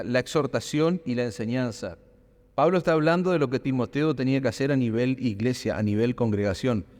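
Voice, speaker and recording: Male pastor, sermon, rhetorical questions, mid-pitched voice, long hall echo. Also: a little mellow. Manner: preaching with rhetorical questions, rising emphasis. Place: church hall.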